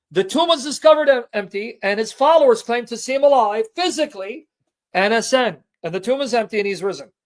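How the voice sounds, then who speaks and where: A man teaching a Bible study, reading scripture aloud and explaining it, stressing his points and often checking in with listeners. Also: very high-pitched.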